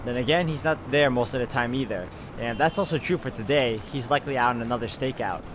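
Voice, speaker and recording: Talking fast at a medium pitch, this walkthrough host reads out a visual novel's narration and adds offhand remarks. The background is noisy, with game music running under his voice.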